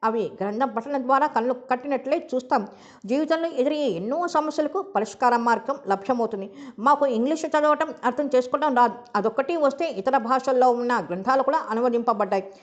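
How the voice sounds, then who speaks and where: Woman reader as an earnest, lecturing mother, slightly high voice, dull lo-fi sound. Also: a little fast, lightly acted. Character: stern middle-aged mother who lectures her daughter.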